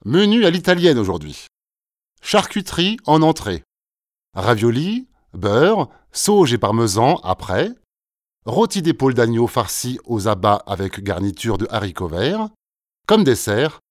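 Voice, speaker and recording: A man's voice: medium pitch, big pitch swings, unhurried, no room sound, studio quality. A man playing a pastry cook who lists the day's menu in a matter-of-fact way, in a scripted textbook dialogue. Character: calm young adult male pastry cook.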